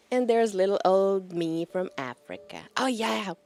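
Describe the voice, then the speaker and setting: Slow-talking woman streamer. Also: mid-range voice, a little mellow. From Czech Republic. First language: Czech. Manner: rambling, laughs often. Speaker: VTuber streamer. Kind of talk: casual chat with live chat.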